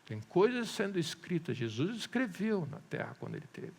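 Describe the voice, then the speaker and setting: A pastor preaching a sermon, telling a story with animation and often asking the congregation "amém?". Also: male voice, high voice, sing-song, moderate pace, gravelly, breathy edge. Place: church hall. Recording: long reverb of a church hall.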